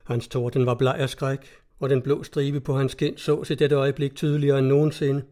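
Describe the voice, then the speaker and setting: A man reading a story aloud in a steady, measured narration. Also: medium pitch. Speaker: audiobook narrator.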